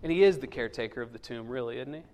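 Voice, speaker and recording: A man's voice: mid-range voice, very fast, a little mellow. A man preaching a sermon in a church, telling the story with humor and acting out the voices of the people in it. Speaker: pastor. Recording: long reverb of a large hall.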